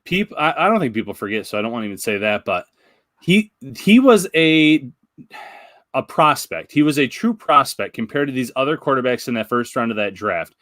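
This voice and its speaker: A man's voice: medium pitch, sing-song, normal speed, fairly bright tone, dry recording, studio quality. A man co-hosting a casual sports talk show, breaking down plays in an analytical way. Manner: analytical, builds points with examples. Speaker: podcast co-host.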